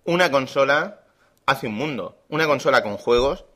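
A man with an accent from Spain talks on a casual podcast with a bright, forceful tone. He tells stories in an animated way and speaks bluntly. His pitch is ordinary for a man. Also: moderate pace. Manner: animated storyteller, blunt and frank. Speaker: podcast co-host.

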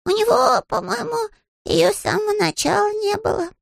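Paddington, a squeaky little bear. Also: male voice, moderate pace, creaky, no room sound, clean studio sound, exaggerated voice. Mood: earnest. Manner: squeaky, innocent, earnest. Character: small polite young male bear, earnest and naive.

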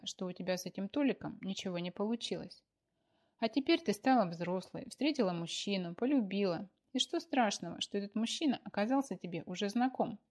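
A woman's voice: medium pitch, darkish tone, close to an everyday voice. A woman voicing a fussy, talkative older mother who pours out anxious questions, in an audiobook. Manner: breathless stream of anxious questions. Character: fussy chattering older mother, clucking and doting. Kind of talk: audiobook character voice.

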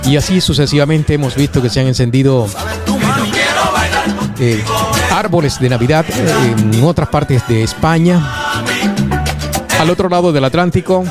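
A man hosting a morning radio show, presenting and commenting with emphatic, deliberate phrasing. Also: medium pitch. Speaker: radio host. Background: Latin music bed.

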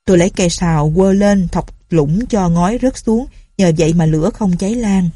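A woman's voice: on the low side, moderate pace, dry recording, clean studio sound, natural voice. A woman reading a story aloud, voicing an anxious, loyal old male servant. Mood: explaining. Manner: anxious, soft-spoken.

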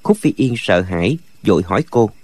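A man narrating a martial-arts novel as an expressive audiobook reader. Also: fairly low pitch, fairly quick, husky, dry recording. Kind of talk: storytelling narration.

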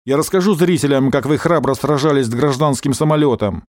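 A man voicing an angry, defiant pilot who is shouting accusations down a phone line. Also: mid-range voice, fairly quick, no echo, studio quality, natural voice. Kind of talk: audiobook character voice.

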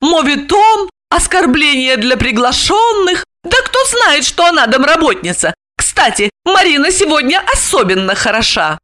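A woman's voice: high-pitched, very animated, normal speed, pushed and bright, voice pushed up, exaggerated voice. A woman voicing a vain, scheming young wife in an audiobook, haughty and irritable.

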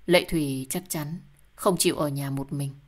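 A woman voicing a worried middle-aged husband and father who talks calmly and soothingly. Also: deep voice, normal speed. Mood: steady.

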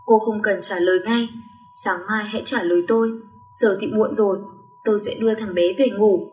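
A woman's voice: mid-range voice, steady tone, moderate pace, darkish tone, faint music behind, lightly acted. Cold commanding rich young man, read by a woman. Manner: curt and commanding. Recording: roomy echo.

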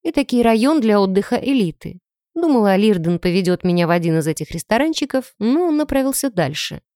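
A woman tells a first-person story in audiobook style, with expressive delivery and a lively pitch. Her voice sits in a middle range. The sound is dry and close-miked. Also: fairly quick, no room sound. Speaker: audiobook narrator.

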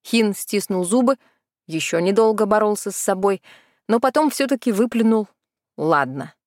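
Женщина читает аудиокнигу, сухо и близко. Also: female voice, medium pitch, moderate pace, a little mellow, dry recording, clean studio sound. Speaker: audiobook narrator. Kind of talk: first-person audiobook narration.

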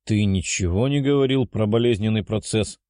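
A man voicing a calm, protective young man in an audiobook, in a plain, level tone. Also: lowish voice, normal speed, no echo, clean studio sound, lightly acted. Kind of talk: audiobook character voice.

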